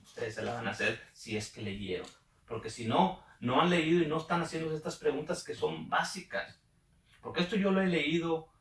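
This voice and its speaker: Acting as a Bible teacher, a man reads scripture aloud, then explains it, often pausing to question his listeners. His voice is on the high side and fairly bright, at a normal pace. It's recorded on a distant mic with roomy echo.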